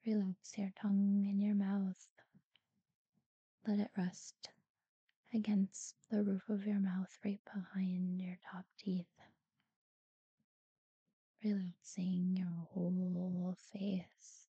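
A woman guiding a sleep meditation in a soft, breathy near-whisper, soothing and unhurried, with long pauses between short phrases. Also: medium pitch, flat delivery, no echo, lo-fi sound. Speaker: guided relaxation narrator. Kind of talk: guided sleep meditation talkdown.

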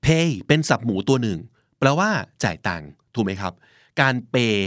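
A Thai man in his forties hosting a podcast English lesson, chatty and lively, reading the English examples slowly and clearly. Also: mid-range voice, no echo, clean studio sound. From Thailand. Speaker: podcast host and English teacher. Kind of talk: relaxed podcast vocabulary lesson.

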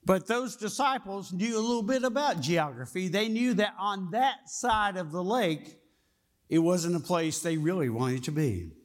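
A man's voice: high-pitched, expressive, measured pace. A man preaching a sermon, telling the story in a folksy way and often asking his listeners questions. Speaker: pastor.

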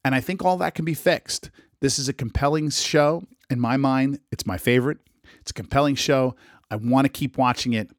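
A man with a strained, struggling voice, talking casually and a bit haltingly as he hosts a solo podcast. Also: medium pitch, no echo, clean studio sound. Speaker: podcast host and radio DJ.

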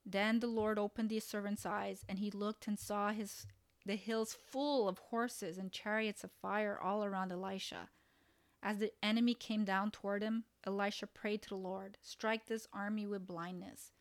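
A woman preaching a devotional sermon in an earnest, measured way, retelling Bible stories. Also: medium pitch, little pitch movement.

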